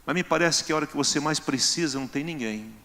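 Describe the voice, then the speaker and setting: A man's voice: fairly high pitch, fast, pushed and bright. A male pastor, preaching in a conversational way and acting out everyday scenes. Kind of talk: sermon. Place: church.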